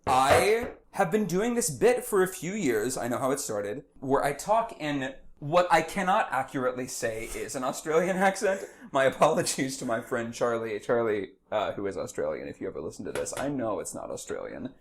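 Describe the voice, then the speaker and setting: A man's voice: medium pitch, sing-song, normal speed, hardly any pauses. A man co-hosting a casual podcast while cooking, talking in a playful, jokey way. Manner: playful, jokey, slips into silly voices. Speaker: podcast co-host. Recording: faint background noise, home kitchen.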